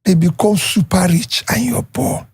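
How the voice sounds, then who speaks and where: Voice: mid-range voice, unhurried, a little mellow, breathy edge, no room sound. A speaker giving earnest, pious advice as an interview guest.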